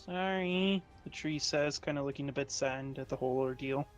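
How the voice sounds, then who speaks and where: A man narrating a tabletop game as game master, often halting and correcting himself. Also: medium pitch, completely flat delivery, soft background music. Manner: halting, self-correcting delivery.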